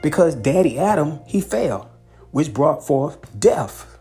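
A man's voice: on the high side, big pitch swings, slow pace, mellow, faint music behind. A man preaching a podcast sermon, pleading and repeating himself, stopping often to check his listeners are with him. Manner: repetitive, pleading, peppered with "okay" and "hallelujah".

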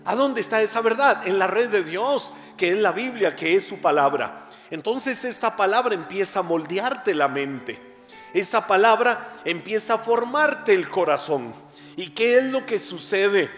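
Costa Rican pastor preaching in a hall. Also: male voice, sits high, animated, a little slow, a bit bright, faint music behind. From Costa Rica. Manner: emphatic preaching, rising on questions. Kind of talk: sermon.

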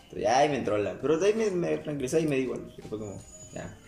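A man's voice: mid-range voice, big pitch swings, racing, creaky, darkish tone. A young man chatting casually as a podcast co-host, rambling and restarting his sentences. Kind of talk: casual chat. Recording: roomy sound with faint music.

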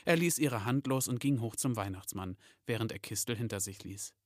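A man narrating a storybook in a steady, even reading voice. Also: on the low side, normal speed, no room sound, clean studio sound.

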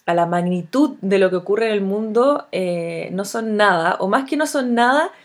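A Chilean woman of around forty talks alone into her podcast mic. She is earnest and thoughtful, stopping often on small fillers as she works through her ideas. Her pitch sits in the middle range. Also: expressive, moderate pace. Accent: Chilean Spanish. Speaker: podcast host. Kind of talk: solo reflective podcast monologue.

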